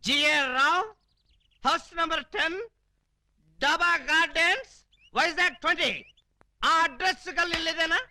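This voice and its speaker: A man's voice: very high-pitched, measured pace, pauses often, sharp tone, heavily acted. An actor in a Telugu comedy film playing a drunk man who brashly mocks and insults his boss. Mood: mocking. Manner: brash, mocking, sarcastic.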